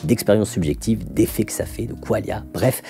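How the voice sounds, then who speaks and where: A man hosting an explanatory video essay, teaching in a lively, didactic way and dropping frequent asides. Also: lowish voice, normal speed, vocal fry, faint music behind.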